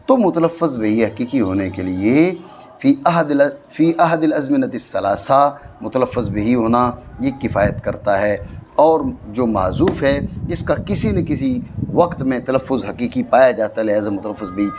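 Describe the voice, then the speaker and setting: A man with a Pakistani Urdu accent teaching a classroom grammar lesson, explaining slowly and often checking that his students follow. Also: medium pitch, expressive, a little mellow, a little hiss or hum. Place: madrasa classroom.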